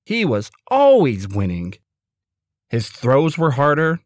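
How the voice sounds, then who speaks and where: A man narrating his own children's story in an expressive read-aloud style. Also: medium pitch, slow, no room sound. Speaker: author and narrator.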